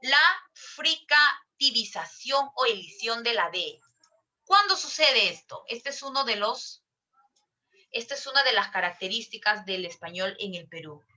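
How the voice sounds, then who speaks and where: A woman's voice: fairly high pitch, animated, measured pace, sharp tone. A woman with a Peruvian accent giving a classroom lecture, asking her students questions and repeating herself often. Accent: Peruvian Spanish. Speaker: teacher.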